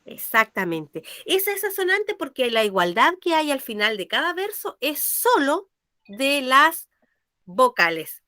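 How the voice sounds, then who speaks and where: A woman's voice: high voice, big pitch swings, measured pace, bright, forceful tone, no echo. A woman teaches a language lesson. She asks questions and checks that her pupils follow. Her voice sounds close and dry, with no room around it. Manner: patient, questioning, checks understanding.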